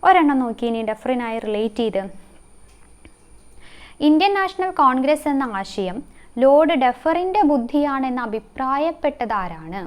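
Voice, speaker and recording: Clear-voiced woman teaching in a quizzing tone. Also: a little high. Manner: quizzing, repeats answers, links facts with memory tricks. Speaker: exam-prep teacher. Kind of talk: online lesson.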